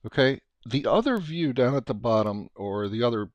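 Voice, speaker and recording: A middle-aged American man giving an unscripted, casual software walkthrough, thinking aloud haltingly as he explains. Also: medium pitch, animated, no echo, dull audio. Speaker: software tutorial presenter.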